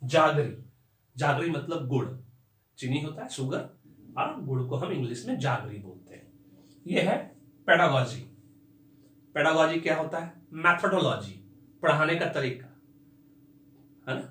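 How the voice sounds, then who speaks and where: A man's voice: on the high side, expressive, fairly bright tone. Man teaching English words in an echoey room. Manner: explains slowly, spells words out letter by letter. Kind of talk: vocabulary and pronunciation lesson.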